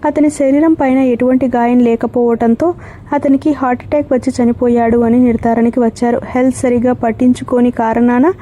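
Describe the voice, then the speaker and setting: A woman reading a crime novel aloud as a steady audiobook narrator. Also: a little high, a little hiss or hum. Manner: steady storytelling.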